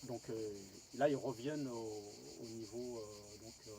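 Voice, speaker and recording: A man's voice: lowish voice, fairly even intonation, unhurried, background noise. A French man asking questions in an interview, hesitant, with many fillers and false starts.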